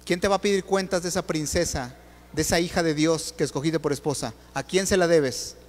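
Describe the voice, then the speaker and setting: A man's voice: on the high side, brisk. A man preaching a sermon, firing rhetorical questions straight at the congregation. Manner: questions the audience directly, rhetorical and animated. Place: church. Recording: long hall reverb.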